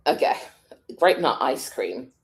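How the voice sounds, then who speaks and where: A British woman vlogging in a casual, rambling way, thinking out loud and laughing often. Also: very deep voice, very animated, slow pace, creaky. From Britain. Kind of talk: casual vlog chat.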